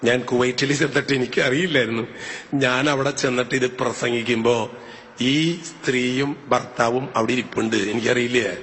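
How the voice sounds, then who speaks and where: Fervent preaching priest in a reverberant hall. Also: male voice, normal speed, a little hiss or hum. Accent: Malayali. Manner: animated preaching, bursts into high shouted hallelujahs. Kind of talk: sermon with anecdotes. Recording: long hall reverb, faint ambience.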